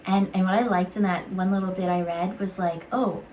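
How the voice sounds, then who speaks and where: A woman reading intuitive cards in a casual, musing way, halting with fillers and restarts. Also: fairly low pitch, fairly even intonation, a little mellow, a little hiss or hum, poor audio. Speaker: intuitive card reader. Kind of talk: casual spiritual card reading.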